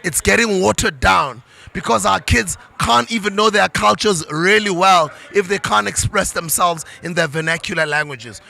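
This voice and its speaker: A man's voice: high voice, normal speed, creaky, few pauses, sharp tone. A middle-aged South African man giving a passionate, preachy motivational talk to parents. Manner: passionate, preachy, switches into isiZulu. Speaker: motivational speaker. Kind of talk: motivational monologue.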